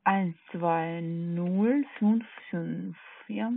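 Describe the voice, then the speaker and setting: On a tinny narrowband phone line, a foreign-accented woman handling phone sales in German, not her first language, hesitantly goes back over the order details. She speaks extremely slowly in a fairly low, creaky voice, with no room sound.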